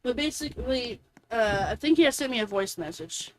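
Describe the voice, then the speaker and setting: A woman's voice: a little high, animated, a little fast, rough recording. A young woman streamer in casual chat, venting animatedly and quoting people in a raised voice. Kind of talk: casual chat while gaming.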